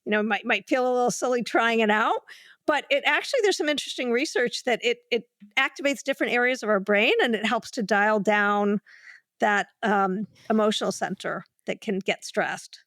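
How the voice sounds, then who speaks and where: A woman psychologist calmly explaining self-calming techniques as a podcast guest, with many fillers and restarts, at times demonstrating breathing. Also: fairly high pitch, normal speed, dry recording, studio quality. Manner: demonstrates breathing while talking. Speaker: clinical psychologist.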